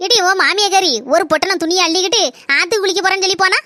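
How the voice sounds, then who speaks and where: A woman's voice: very high voice, fairly even intonation, very fast, sharp tone, no room sound, studio quality. A woman voicing a chattering village grandmother. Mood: gossiping. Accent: Kanyakumari Tamil.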